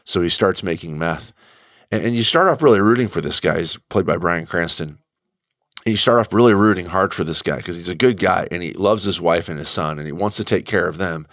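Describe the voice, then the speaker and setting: A middle-aged man speaks as a guest in a very deep voice, recorded dry and close. He talks thoughtfully, stopping and restarting as he searches for words. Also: fairly bright tone, no room sound. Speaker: guest commentator. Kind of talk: conversational radio talk.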